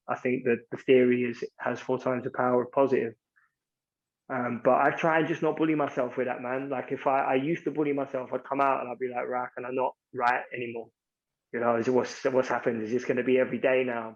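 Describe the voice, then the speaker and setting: A man's voice: medium pitch, lo-fi sound. Frank, reflective man mentoring. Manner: reflective, frank, loose with fillers. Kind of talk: candid mentoring chat.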